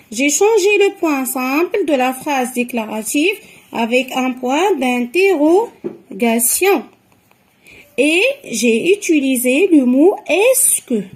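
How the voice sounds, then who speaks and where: A woman teaching a grammar lesson to young children, explaining patiently and repeating each step. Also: high voice. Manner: slow, patient explaining with repetitions.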